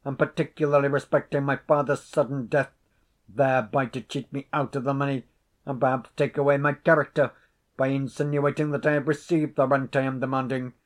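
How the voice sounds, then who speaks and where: A man voicing a stern, suspicious laird who speaks in a cold, measured, menacing way. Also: mid-range voice, flat delivery, darkish tone, close to an everyday voice.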